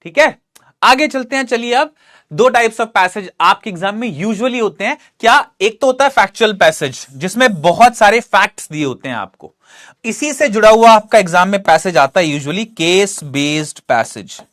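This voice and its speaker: A male English teacher giving an exam-prep lesson with a very lively, swooping delivery. He coaxes his students along and keeps putting questions to the class, then answering them himself. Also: sits high, moderate pace. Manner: animated, coaxing, asks and answers his own questions.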